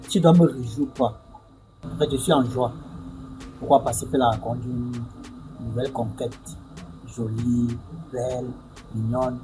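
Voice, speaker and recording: A man's voice: medium pitch, fairly even intonation, measured pace, long pauses, lightly acted, poor audio. An actor playing a boastful young man who brags about a rich new girlfriend. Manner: bragging. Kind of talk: film drama acting. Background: music.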